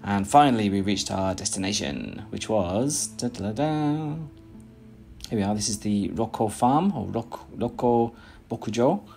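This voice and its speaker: Soft music sits under a lowish, gravelly, darkish voice with lively intonation and a measured pace. It belongs to a thirty-something British man doing casual vlog chat and voice-over indoors in a small plain room, rambling and restarting with lots of "uh"s.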